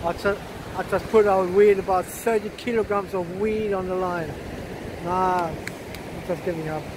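A man's voice: sits high, steady tone, a little slow. A man in his fifties filming a casual fishing vlog on an open beach, chatty, laughing often and repeating words, holding the camera close. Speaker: fishing vlogger. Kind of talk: casual outdoor vlog commentary. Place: open sandy beach by the surf. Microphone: handheld camera close to face. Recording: wind and surf noise.

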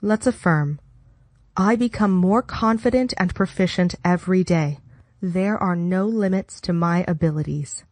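A woman narrating a scripted self-help audiobook with guided exercises and affirmations, in a measured, instructional way. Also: lowish voice, darkish tone, no room sound.

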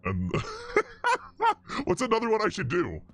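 A man through a deep voice changer filter. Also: huge pitch swings, slow pace, a bit bright, no room sound, full character voice. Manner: playful, goofing around testing his voice. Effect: deepening voice changer filter. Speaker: game streamer. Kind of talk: casual gaming commentary.

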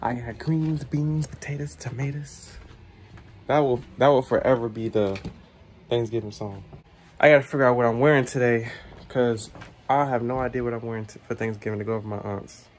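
A man's voice: medium pitch, fairly even intonation, a little fast, slight background noise. A young man chatting casually to his viewers in a vlog, laid-back and slangy. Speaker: vlogger. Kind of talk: casual vlog chat to camera.

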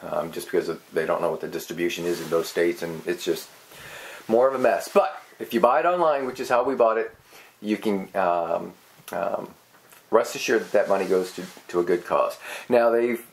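A low-voiced, middle-aged man co-hosts a casual whiskey tasting chat. He rambles and hesitates, pausing often and restarting his sentences.

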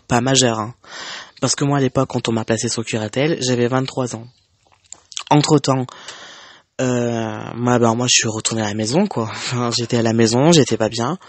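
A man's voice: medium pitch, no room sound. A young man telling a personal story in an emotional, conversational way, with many fillers and restarts. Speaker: vlogger.

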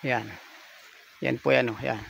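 Outdoors on a coconut farm, a real estate agent narrates a walking tour of a lot for sale, politely pointing things out and repeating "yan po" and "oh." His mid-range voice is creaky and a bit bright, with fairly even intonation and a slightly slow pace, over slight background noise.

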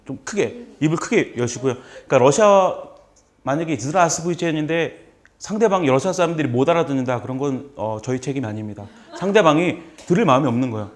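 Chatty male lecturer teaching a class. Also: mid-range voice. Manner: chatty, joking, repeats phrases for students to follow. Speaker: lecturer teaching basic Russian. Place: seminar room with a live audience.

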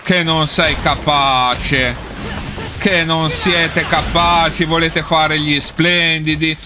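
A man's voice: on the high side, steady tone, slow pace, over music. A man giving casual let's play commentary, swearing and talking back at the enemies he fights. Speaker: gameplay streamer.

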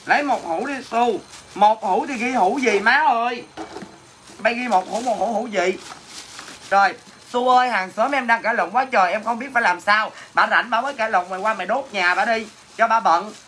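A woman's voice: a little high, moderate pace, fairly bright tone, slight background noise. A woman with a Southern Vietnamese accent hosts a casual livestream sale, teasing viewers with brash, crude jokes as she answers comments. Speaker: livestream host selling goods. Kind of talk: casual livestream sales chat.

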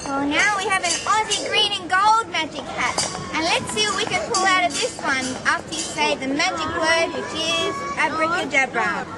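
A woman's voice: extremely high pitch, normal speed. A woman performing as a kids party magician in a clown act, exclaiming and coaxing young children to join in with her tricks. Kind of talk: live children's magic show patter. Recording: loud music and noisy crowd behind. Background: music and a crowd of children.

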